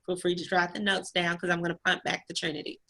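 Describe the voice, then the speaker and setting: A woman's voice: on the low side, flat delivery, fast, vocal fry, a bit bright, poor audio. A woman hosting an online panel interview over a video call, effusive and emotional as she encourages her young guests. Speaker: host.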